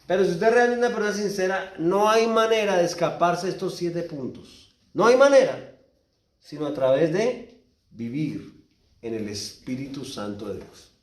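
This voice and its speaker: A man with a Colombian Spanish accent preaching a sermon as pastor, swinging between loud exhortation and quiet low asides. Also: normal speed, far from the mic. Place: church. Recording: echoey church hall, speaker off-mic at times.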